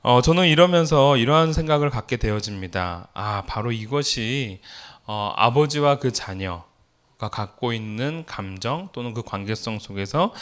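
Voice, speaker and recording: Middle-aged male pastor, sermon delivery, anecdotal, conversational, mid-pitched. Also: expressive, measured pace, a bit bright. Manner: storytelling with rhetorical questions to the congregation.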